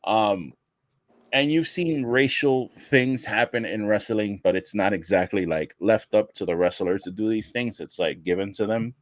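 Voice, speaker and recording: A man co-hosting a wrestling podcast in casual chat, animated and profane, swearing often. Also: fairly low pitch, normal speed, no echo, clean studio sound. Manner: animated, profane, laughs while retelling. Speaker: podcast co-host.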